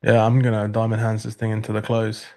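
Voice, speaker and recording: A man's voice: on the low side, completely flat delivery, fast talker, vocal fry, a little mellow. A congested British man hosting a live trading stream, chatting casually with dry, sarcastic humor. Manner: dry, sarcastic humor while reading chat.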